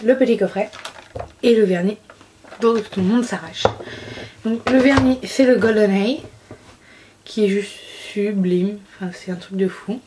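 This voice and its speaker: A woman's voice: medium pitch, measured pace, pauses often, mellow, slight background noise. A young woman in a casual beauty haul video, talking enthusiastically and often gushing over products. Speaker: beauty vlogger.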